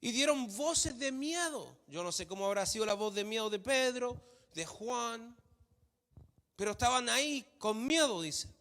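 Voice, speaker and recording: A man's voice: very high voice, expressive, unhurried, fairly bright tone. A man preaching a sermon in a church hall, emphatic, repeating phrases for stress. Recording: long hall reverb.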